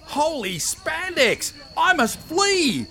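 A man's voice: extremely high pitch, very animated, slow pace, pushed and bright, full character voice. A man playing a naive, cheerful jogger in a comedy audio drama, overacting like a hammy stage actor and declaiming his lines. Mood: melodramatic alarm. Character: unassuming male jogger, cheerful, naive, melodramatically alarmed.

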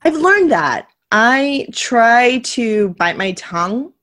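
A woman hosting a podcast in a playful, enthusiastic and expressive way, chatting casually. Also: a little high, slow pace. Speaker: podcast host, nurse. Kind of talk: podcast hosting, intro and casual interview chat.

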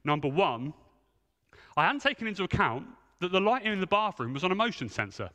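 A man's voice: high-pitched, big pitch swings, brisk, sharp tone. A man preaching a sermon, telling a humorous, self-mocking story from the church stage. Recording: long reverb of a large hall.

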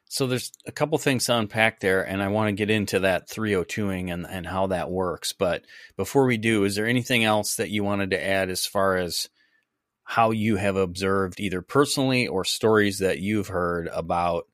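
A man hosting a podcast interview, speaking in a measured way. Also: low voice, a bit bright, no echo, clean studio sound. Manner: measured, brief affirmations. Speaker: podcast host.

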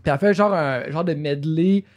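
A man's voice: fairly high pitch, normal speed. A man with a Quebec French accent hosting a podcast, talking casually and animatedly, saying "tu sais" again and again. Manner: animated, repeats tu sais a lot. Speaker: podcast host. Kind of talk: casual chat.

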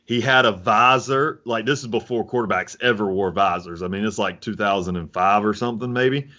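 Young man, podcast co-host, rambling casual chat, lowish voice, dull lo-fi audio. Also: fairly quick, sharp tone. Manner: rambling, many "like"s, laughs easily.

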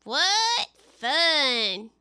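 Woman putting on a rough jolly griffin beast, loud and slow, high and bright. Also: sing-song, no room sound, studio quality, faint music behind, heavily acted. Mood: mocking. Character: coarse cheerful griffin creature, ungrammatical.

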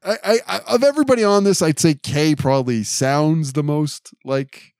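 A man's voice: fairly high pitch, normal speed, a little mellow, no room sound, clean studio sound. Male podcast host recapping with trivia. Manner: recaps the plot and drops trivia. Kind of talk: casual chat.

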